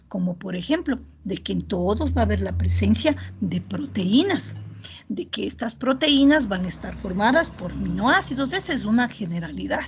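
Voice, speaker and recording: Woman lecturer, middle-aged, slightly breathy voice, patient online-class delivery. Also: fairly high pitch. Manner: checks in often with "¿ya?" and "¿verdad?"; steady explanatory pace with filler pauses. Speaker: university lecturer.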